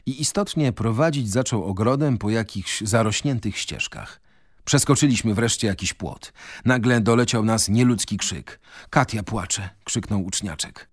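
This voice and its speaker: A man reading a novel aloud for radio in a measured, dramatic narration. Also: on the low side, no room sound, clean studio sound. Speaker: reader.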